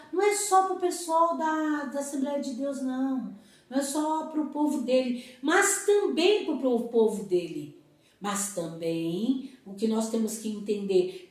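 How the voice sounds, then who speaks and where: A woman leads a church lesson for young people in a lively, animated voice that sits a little high, often acting out family conversations. Her voice rings through a very echoey hall and is picked up from some distance. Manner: animated, acts out family dialogue. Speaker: Sunday school teacher.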